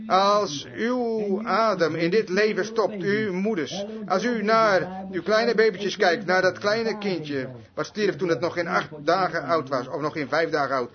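A male preacher delivers a sermon with a high, ringing voice. He tells his story emphatically, moving between loud declarations and hushed passages. The recording is dull and lo-fi.

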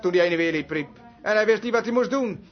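A male preacher telling a story in a sermon, emphatic and swinging between loud and hushed passages. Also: high voice, fast talker, soft background music. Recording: dull lo-fi recording.

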